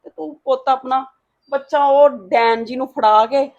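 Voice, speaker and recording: A woman's voice: sits high, fairly even intonation, a little slow, a little mellow. A woman playing a worried, pleading mother in an emotional family drama. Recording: dull lo-fi sound.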